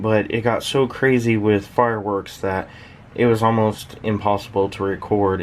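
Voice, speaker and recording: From a small uninsulated shed fitted with a workbench, a shortwave listening hobbyist presents his own station. His lowish voice carries a little hiss or hum as he rambles hesitantly and thinks aloud in a casual, unscripted demonstration.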